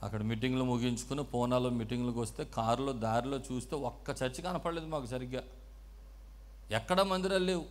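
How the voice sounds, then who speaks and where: A male pastor giving a call-and-response sermon, moving between quiet explaining and loud shouted preaching as he has the congregation repeat his words. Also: medium pitch, fairly quick. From South India.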